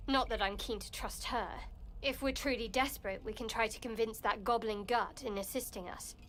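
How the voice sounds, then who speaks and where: An actress playing a guarded, pragmatic adventurer in a fantasy game, cool and curt. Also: female voice, a little high, fairly even intonation, moderate pace, a bit bright, slight background noise, natural voice. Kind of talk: video game character dialogue.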